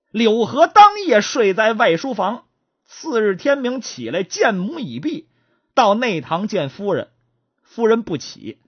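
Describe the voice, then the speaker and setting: Husky woman storyteller. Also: mid-range voice, dry recording, dull audio. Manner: chatty, addresses listeners. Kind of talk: traditional oral storytelling.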